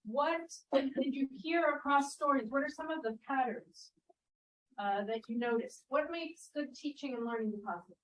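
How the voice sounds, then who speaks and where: Speaking in a high voice at a moderate pace, a middle-aged presenter leads a classroom teaching workshop. She poses questions to the group and echoes what they say.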